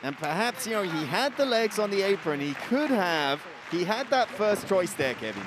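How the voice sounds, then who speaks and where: A man's voice: high-pitched, very animated, moderate pace. Analytical man doing wrestling color commentary. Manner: analytical, breaking down technique. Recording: loud arena crowd and noise.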